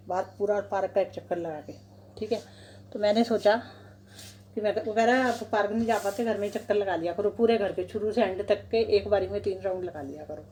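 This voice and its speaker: On a rough phone recording with a little hiss or hum, a middle-aged Indian woman with a Delhi Hindi accent vlogs casually from her kitchen and balcony. She has a medium-pitched, darkish voice and describes each chore step by step in a chatty way.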